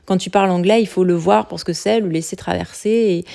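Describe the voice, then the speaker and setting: A woman from France, a podcast guest sharing her expat experience, chats casually about living abroad, full of fillers and restarts and quick to laugh. Her voice is fairly low and dark, with vocal fry, fairly even intonation and a fairly quick pace.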